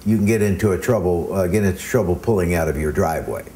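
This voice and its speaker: A man's voice: low-pitched, quick pace, dark tone. A man being interviewed, telling long rambling anecdotes in a casual way with plenty of hesitations. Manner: rambling anecdotes with many ums. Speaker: interview guest. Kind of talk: casual storytelling.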